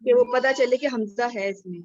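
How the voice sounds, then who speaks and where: A woman's voice: a little high, darkish tone, no echo. A female student explaining recitation rules step by step to her teacher in an online class. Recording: dry, dull lo-fi online call audio.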